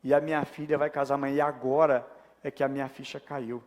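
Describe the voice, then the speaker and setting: A man voicing a grieving middle-aged workaholic father, speaking in a quiet, subdued confession. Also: medium pitch, flat delivery, quick pace, pitched below the performer's own voice, close to an everyday voice. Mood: regretful. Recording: long church reverb.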